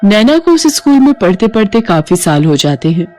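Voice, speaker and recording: A woman narrating a cartoon horror tale in a scripted storybook style. She keeps an even, steady storytelling delivery at a middle pitch. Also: normal speed, faint music behind.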